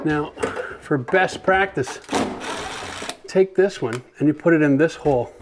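A middle-aged man walks through a bathroom renovation in an easygoing, upbeat way, talking to the camera as he works. His voice sits a bit high for a man, and there's a faint hiss of noise behind him. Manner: upbeat, chatty, swears and laughs freely. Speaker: renovation channel host. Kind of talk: casual DIY walkthrough. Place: gutted bathroom in a renovated church, indoors.

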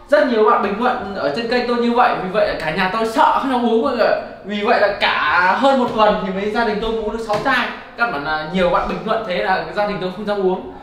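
A man's voice: high voice, a bit bright, a little hiss or hum. A young man, hosting a casual prank vlog and chatting upbeat straight to his viewers. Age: young adult. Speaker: vlogger host. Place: outdoor yard and indoor storeroom.

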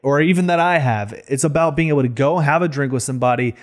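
A man in his thirties co-hosts a casual reaction podcast, opinionated and fond of rhetorical questions, speaking fast in a slightly high voice. He's close on a boom-arm studio mic in a small foam-treated studio.

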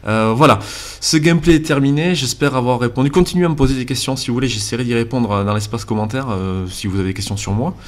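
A man in his twenties from the Landes in southwest France, with a southwestern French accent. He talks earnestly over gameplay, often pausing on "euh", recorded on a basic cheap microphone. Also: mid-range voice. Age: 20s. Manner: earnest, hesitant with frequent "euh" fillers. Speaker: YouTube gaming channel host.

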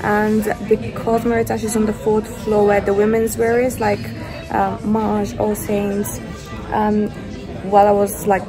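A woman's voice: medium pitch, rough recording. Young woman vlogging on her phone. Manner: chatty, gushing, fillers like um. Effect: recorded on a handheld phone camera. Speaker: fashion vlogger. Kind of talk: casual vlog chat. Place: indoors in a department store. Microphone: phone held at arm's length.

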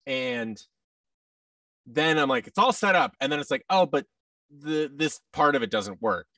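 On a video call from an indoor room, this podcast guest in his thirties, an audio drama creator, talks casually while animatedly acting out the exchanges he quotes. His slightly high voice is unhurried. Using a boom-arm microphone with headset, he sounds distant from the mic, with no room sound.

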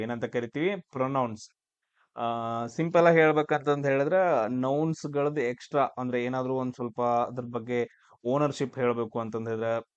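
A man's voice: mid-range voice, clean tone, no echo, highs cut off. A man teaching exam grammar, asking and answering his own questions. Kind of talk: classroom-style grammar lesson.

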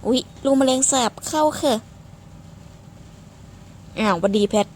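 A woman giving casual gameplay commentary, excitable and playfully swearing, squealing at her game. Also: fairly high pitch, a little slow, a little hiss or hum. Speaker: game streamer.

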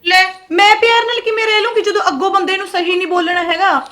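A young woman playing a sharp-tongued, quarrelsome young wife in a family short film, firing back fast retorts. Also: extremely high pitch, steady tone, faint music behind. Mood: complaining.

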